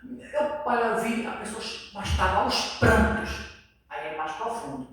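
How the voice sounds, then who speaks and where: A man's voice: high-pitched, expressive, unhurried, fairly bright tone. A man preaching an impassioned sermon, acting out the voices of others. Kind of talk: sermon, Bible study. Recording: echoey room, voice far from mic.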